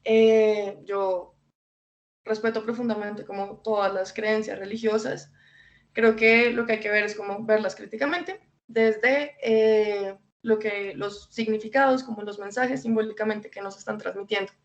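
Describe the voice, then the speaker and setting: A woman's voice: medium pitch, fairly even intonation, measured pace. Woman giving a chatty talk. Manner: conversational, frequent fillers and light laughs. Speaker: invited guest speaker. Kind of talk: informal educational talk. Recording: dull lo-fi recording.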